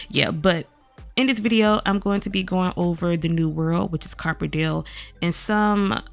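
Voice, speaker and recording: Chatty woman gaming vlogger, groggy morning rasp, faint music bed. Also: deep voice. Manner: chatty, addresses viewers directly as "y'all". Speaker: gaming video creator. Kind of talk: casual game overview vlog.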